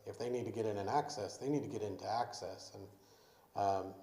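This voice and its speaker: Man speaking loudly in an echoey meeting room. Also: lowish voice, fairly even intonation, moderate pace. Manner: speaks loudly over background noise, explanatory. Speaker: city official at committee meeting. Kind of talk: public meeting discussion.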